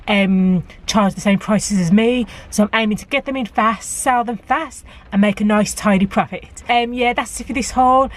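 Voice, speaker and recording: A woman in a casual vlog, chatting to camera and giving practical tips with plenty of fillers. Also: medium pitch. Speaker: vlogger. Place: car park outside a shop, rainy.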